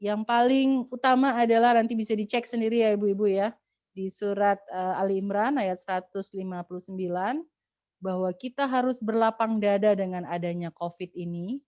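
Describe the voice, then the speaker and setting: A woman's voice: medium pitch, fairly even intonation, moderate pace, a little mellow, dry recording. Earnest woman giving a webinar talk. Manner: earnest, preachy, many fillers and restarts. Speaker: communication expert speaker at a women's webinar. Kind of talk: webinar talk to mothers, religious advice.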